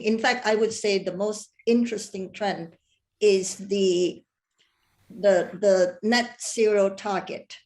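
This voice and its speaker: A woman professor speaking as a panelist on a video call, deliberate and earnest. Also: mid-range voice, darkish tone. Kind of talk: online panel talk.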